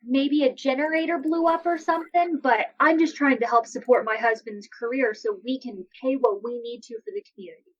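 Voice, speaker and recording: A woman's voice: on the high side, fairly quick, hardly any pauses, highs cut off. A woman playing an earnest housewife in a tabletop game, talking persuasively. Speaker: player voicing a housewife. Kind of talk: in-character role-play.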